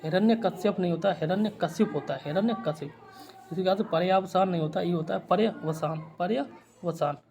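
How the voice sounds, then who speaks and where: Higher-pitched male Hindi teacher drilling spellings. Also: darkish tone. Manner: explains word by word, repeating "ठीक" after each point; spells out letters slowly.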